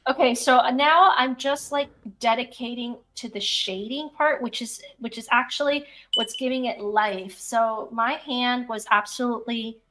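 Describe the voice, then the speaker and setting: Woman artist-host, slightly high pitch, casual and stop-start show-and-tell, recorded at a distance from the mic. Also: normal speed, few pauses, a bit bright. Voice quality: distant-sounding, away from the mic. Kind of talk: casual chat while showing artwork. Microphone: speaker sitting far from the microphone. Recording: distant from the microphone.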